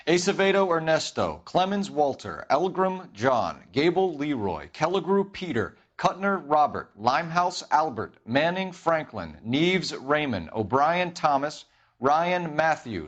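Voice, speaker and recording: A man's voice: on the high side, sing-song, measured pace. A man playing a stern, methodical 1940s police detective in a video game, formal and clipped. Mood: measured.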